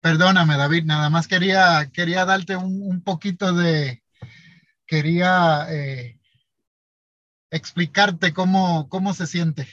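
A man talking haltingly and heartfelt in a casual conversation, sharing a personal experience as a guest. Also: high-pitched, steady tone, fairly bright tone, no room sound. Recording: dull lo-fi sound.

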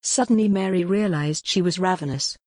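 A woman reading a gothic novel aloud as an audiobook narrator, in a measured storytelling manner. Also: fairly low pitch, a little mellow, dry recording, clean studio sound. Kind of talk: scripted narration.

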